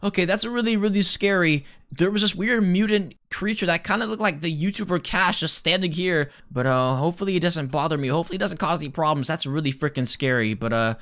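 A man hosting a gameplay video, talking to himself as he plays and exclaiming loudly when startled. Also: on the high side, quick pace, few pauses. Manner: jumpy, exclaims loudly at scares; talks to himself while playing. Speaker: gaming video host. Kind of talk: casual gameplay commentary.

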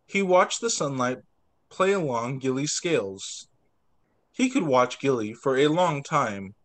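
Indoors on a video call, a young male teacher reads picture books aloud to small children, doing voices for the dialogue and adding short asides. His mid-range voice stays unhurried and expressive.

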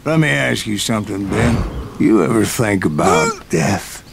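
A man's voice: fairly low pitch, expressive, unhurried, vocal fry, noisy background. An actor playing an old, weathered American gunslinger who tells his Wild West tales in a folksy, rambling drawl. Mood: grave. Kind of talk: storytelling narration in a western game. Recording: loud music behind the voice.

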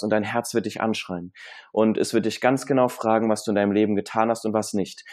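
A man's voice: medium pitch, darkish tone. A man talking as a guest coach in an interview, giving emphatic motivational advice and mixing in English phrases.

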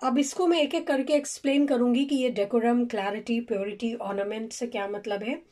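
A woman's voice: fairly high pitch, fairly even intonation, brisk, dark tone. A woman lecturing on course material, asking questions and answering them herself while explaining step by step. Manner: mixes English terms into Hindi. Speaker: teacher.

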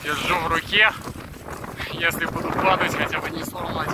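A man chatting casually to his camera as he skis a forest trail, rambling and pausing for breath. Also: a little high. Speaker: skier filming his training. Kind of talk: casual spoken commentary while skiing. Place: outdoors on a snowy forest ski trail. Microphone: action camera worn while skiing. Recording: wind noise on the mic. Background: wind rushing past the mic.

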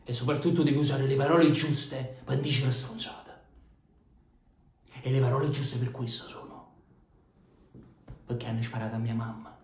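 A man's voice: mid-range voice, fairly even intonation, normal speed, pauses often, a little mellow, natural voice. An actor in his twenties with a Neapolitan accent playing a bitter, angry young man in a dramatic scene. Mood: bitter, controlled. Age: 20s. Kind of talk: dramatic screen-acting monologue. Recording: roomy echo, faint background noise.

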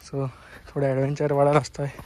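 A man's voice: medium pitch, completely flat delivery, a little fast, mellow. A young man talking casually to camera as he walks a hilltop temple trail, calling his viewers guys and mixing in English words. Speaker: travel vlogger. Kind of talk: casual walking vlog to camera. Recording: music playing under the voice.

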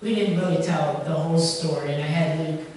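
A man's voice: fairly high pitch, steady tone, brisk, darkish tone, slight background noise. A man giving a conversational sermon as a pastor, rambling a little, with restarts and asides to the congregation. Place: church sanctuary. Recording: echoey church from a distance.

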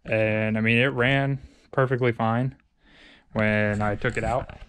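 A man casually narrating a walkthrough of a car project in a shop, relaxed and loose, with fillers and restarts. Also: mid-range voice, measured pace, a little hiss or hum. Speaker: garage vlogger. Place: body shop and home garage.

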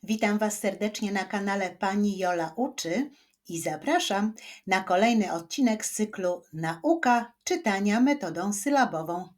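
A woman with a Polish accent teaching children to read, sounding out each syllable clearly. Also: medium pitch, lively intonation, measured pace. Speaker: reading teacher. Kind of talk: children's reading lesson.

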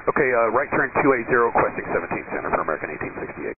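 A man's voice: medium pitch, sing-song, racing, creaky. A man, an airline pilot on a cockpit headset, making polite, businesslike, clipped calls over aircraft radio. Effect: aircraft radio transmission. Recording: noisy narrowband cockpit radio transmission.

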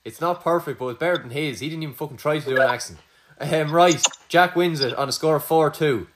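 A man's voice: on the high side, fast, slight background noise. A man with an Irish accent hosting a casual podcast quiz, full of crude teasing banter. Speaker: quizmaster host.

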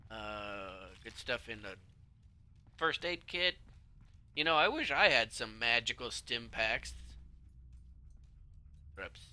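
A man's voice: mid-range voice, bright, forceful tone. A man casually commenting while playing a video game, chatting to the characters on screen and breaking into sudden yelps and whispers. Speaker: let's play gamer.

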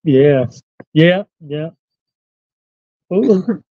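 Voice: medium pitch, lively intonation, drawn-out words, no echo. A person with a Puerto Rican accent hosting a casual live chat, playful and bantering. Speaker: livestream host. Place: live stream of an eclipse viewing. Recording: dull lo-fi livestream audio.

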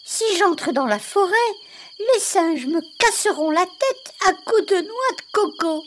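A man voicing a small frightened boy in a storybook reading, speaking slowly and plaintively. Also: very high-pitched, expressive, fairly bright tone, a little hiss or hum, voice pushed up, exaggerated voice. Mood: worried. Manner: slow, plaintive, childlike.

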